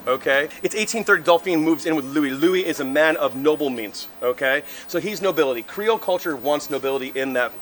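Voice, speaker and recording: A man working as a ghost tour guide, telling stories in an animated, theatrical way with casual, jokey asides. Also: on the high side. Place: outdoors on a city street walking tour. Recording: noisy outdoor street ambience.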